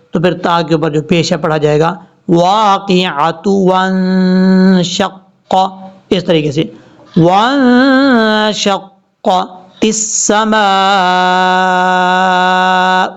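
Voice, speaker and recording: High-voiced man teaching Quran recitation. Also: gravelly. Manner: explains pronunciation rules, then recites words slowly and drawn out. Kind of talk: tajweed lesson with slow recitation. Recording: slightly dull lo-fi audio.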